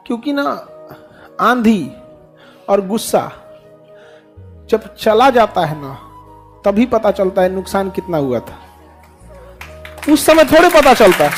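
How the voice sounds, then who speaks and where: A man, a teacher giving a motivational lecture to students. He asks questions and answers them himself, with mocking asides. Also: very high voice.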